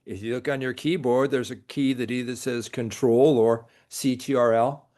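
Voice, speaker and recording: A man's voice: mid-range voice, fairly even intonation, moderate pace, mellow. A middle-aged man, a college professor, giving a recorded lecture with dry, sarcastic jokes. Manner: dry jokey asides, sarcastic.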